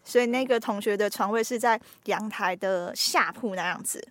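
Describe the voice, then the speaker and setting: A young woman, a podcast host casually telling ghost stories with lively suspense. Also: mid-range voice, moderate pace, no echo. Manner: lively storyteller, builds suspense.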